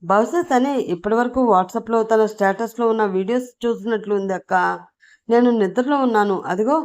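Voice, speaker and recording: A woman's voice: a little high, darkish tone, voice pushed up, close to an everyday voice. A woman doing a flustered young woman. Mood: nervous. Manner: flustered, quick explaining. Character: nervous young woman covering a secret.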